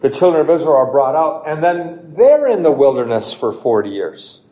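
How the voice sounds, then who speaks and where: Pastor, man, slightly high and mellow voice, evening sermon full of rhetorical questions, echoey hall. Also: sing-song, normal speed, dull audio. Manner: preaching with rhetorical questions and scripture quotes.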